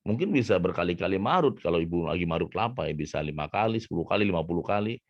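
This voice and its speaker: A man with a deep, low voice giving a motivational talk and telling a story with energy. He speaks close to the mic in a dry setting. The sound is a little dull and muffled. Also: very fast, no room sound. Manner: animated, acts out voices in his story. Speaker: motivational coach.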